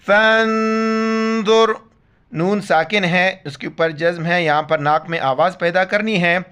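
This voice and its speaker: A man teaching Quran tajweed, chanting the verse slowly and then rattling off letter-by-letter explanations in speech. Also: fairly high pitch, steady tone, a bit bright, clean tone. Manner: slow drawn-out recitation alternating with rapid spelled-out explanation. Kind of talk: Quran recitation lesson.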